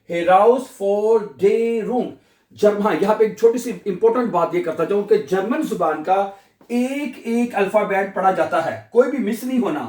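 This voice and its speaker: A man giving a German pronunciation lesson, breaking long words into parts and repeating them slowly, syllable by syllable. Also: high voice, darkish tone. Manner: drills words slowly, syllable by syllable, with many repetitions. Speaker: German language teacher. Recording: echoey room, mic at a distance.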